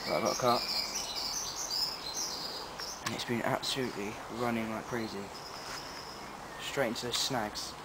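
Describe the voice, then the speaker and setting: In a mid-range voice, a young angler vlogger explains his fishing setup at a measured pace, pausing often. He's relaxed and chatty, explaining as he goes, recorded on a handheld camera by a pond among trees amid loud outdoor noise.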